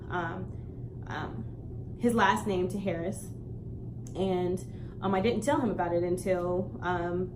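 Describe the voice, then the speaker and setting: Young woman telling a story, animated. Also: mid-range voice, noisy background. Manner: animated retelling, acts out quoted lines. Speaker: vlogger. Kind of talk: casual storytelling.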